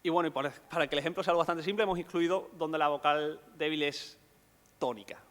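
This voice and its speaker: Male lecturer, fairly high voice, patient explainer, echoing hall sound. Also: fast talker, fairly bright tone. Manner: explanatory, asks rhetorical questions. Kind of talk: conference lecture.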